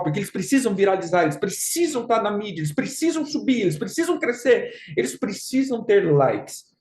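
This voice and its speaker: A man gives a conversational sermon as a pastor, emphatic and repeating his phrases. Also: extremely high pitch. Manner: emphatic, repeats phrases, mocks with put-on quotes. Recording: roomy echo.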